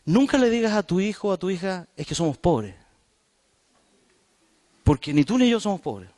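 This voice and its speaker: A man's voice: sits high, expressive, fast talker, darkish tone. A man with a Chilean Spanish accent preaching a sermon in a church, talking directly to the congregation in a conversational way. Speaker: pastor.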